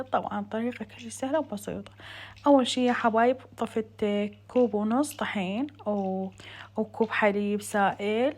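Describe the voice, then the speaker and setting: A woman's voice: a little high, a little mellow. A woman with a southern Iraqi Arabic accent doing a casual, chatty vlog voice-over, talking to viewers like friends as a home cooking vlogger. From Iraq.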